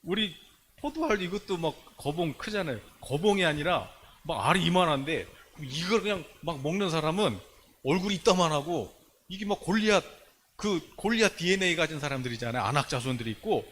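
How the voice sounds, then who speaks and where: High-voiced man preaching a lively sermon. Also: fairly quick, slight background noise. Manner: animated storytelling with rhetorical questions. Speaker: pastor.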